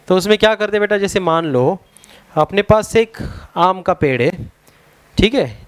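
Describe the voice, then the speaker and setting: A man with an Indian accent teaching a science lesson to a class, mixing two languages, pausing to search for words. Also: high voice, no room sound. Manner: explains in a Hindi and English mix, spells words out; halting, searches for words with many fillers.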